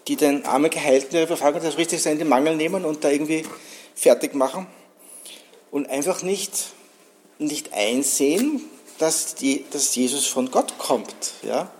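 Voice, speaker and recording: Conversational preacher. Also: male voice, fairly high pitch, a little mellow, a little hiss or hum. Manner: conversational, checks in with "ja?". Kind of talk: sermon.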